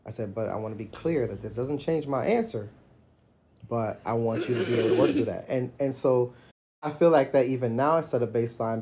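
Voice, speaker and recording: Speaking at a medium pitch, a middle-aged man co-hosting a podcast reflects on fatherhood in casual conversation. He tells stories and livens up when quoting himself.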